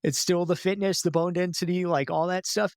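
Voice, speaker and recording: Man, podcast guest, high voice, casual rambling chat, filler-heavy, dry close sound. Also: steady tone, fairly quick, no echo. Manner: loose and chatty, heavy filler words, frequent laughs. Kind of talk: casual conversational interview.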